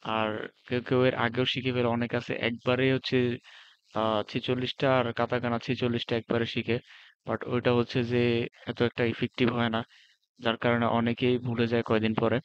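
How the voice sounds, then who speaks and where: A man casually walking through a beginner language lesson, relaxed and pausing with fillers, mixing in English words. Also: mid-range voice, clean tone. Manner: relaxed, often pauses with fillers while explaining. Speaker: language teacher. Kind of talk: casual spoken lesson walkthrough. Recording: dull lo-fi sound.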